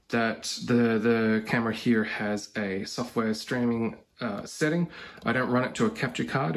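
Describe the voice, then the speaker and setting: A man in his thirties talks through his home kitchen streaming gear in a relaxed, conversational walkthrough. His voice sits a little low. He fills pauses with "uh" and "um" as he moves from one piece of kit to the next. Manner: relaxed, conversational, frequent fillers. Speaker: cooking streamer. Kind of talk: casual tech walkthrough.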